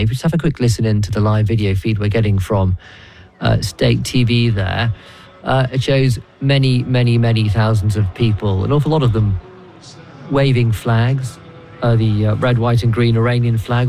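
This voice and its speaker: A man's voice: lowish voice, creaky, warm tone. A man presenting radio news, describing live events as they unfold.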